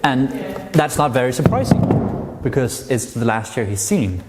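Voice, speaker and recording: A man's voice: mid-range voice, expressive, unhurried, darkish tone. A young man giving a chatty, informal amateur lecture, talking directly to his listeners. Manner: chatty, addresses audience directly. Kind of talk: informal lecture to a small audience. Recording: long hall reverb.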